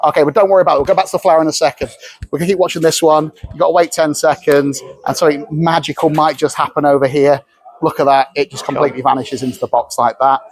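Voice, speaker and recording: A man's voice: fairly high pitch, poor audio. A man, a prop dealer, demonstrating magic tricks in a chatty, showman-like way. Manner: chatty, showman-like, hesitant fillers. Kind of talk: product demonstration.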